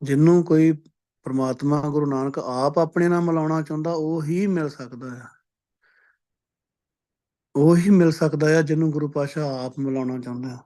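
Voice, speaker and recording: A man's voice: a little high, steady tone, dark tone. Punjabi-speaking male preacher explaining scripture. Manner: chants verses slowly, then explains in quick plain talk. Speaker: Sikh preacher giving katha. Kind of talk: scripture exposition sermon. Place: based in Canada.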